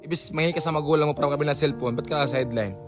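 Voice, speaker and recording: Repetitive coaxing man vlogger, high voice. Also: racing, over music. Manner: coaxing, repeats short phrases over and over. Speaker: vlogger host. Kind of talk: casual vlog talk.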